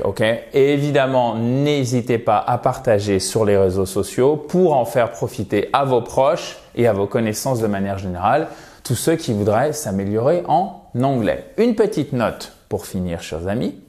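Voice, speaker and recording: A warm, medium-pitched male voice leads a casual video lesson on English pronunciation. This English teacher chats his way through each step, repeats sounds for learners to hear, and regularly asks "ok?" and "d'accord?".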